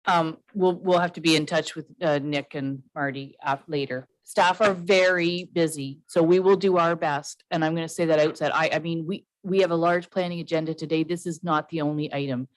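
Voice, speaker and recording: A woman chairing a council meeting as mayor, brisk and informal, with filler words. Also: sits low, fairly even intonation, no room sound.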